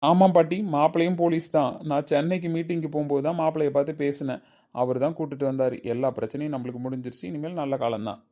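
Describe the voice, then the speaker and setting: A man's voice: a little high, fairly even intonation, rapid-fire, highs cut off. A man playing a grandson in a homemade family drama, exasperated and lecturing.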